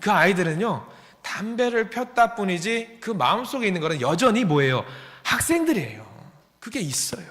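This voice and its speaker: A male pastor delivers a sermon in a fairly high, bright voice, asking the congregation questions and acting out dialogue as he tells a story. His pitch swings widely and the hall gives a long reverb. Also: very animated, normal speed. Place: church sanctuary.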